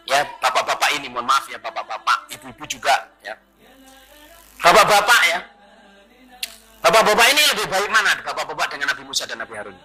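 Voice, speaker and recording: A man with an East Javanese accent preaching a sermon to a congregation, joking, quizzing his listeners and slowly chanting Quranic verses. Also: high voice, bright, forceful tone, poor audio. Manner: jokey, conversational, quizzes the congregation.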